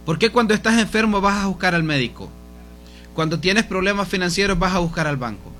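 A man preaching with fervor, urging the faithful on in a fairly high voice. His voice rises to plead and sinks low and soft each time he turns to the congregation. Gentle guitar plays faintly behind him. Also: animated, fairly quick. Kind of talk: sermon.

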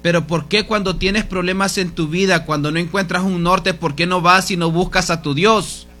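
A man preaching a sermon in a fervent, pleading way, his voice dropping soft each time he addresses the congregation. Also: sits high, fairly even intonation, moderate pace, soft background music.

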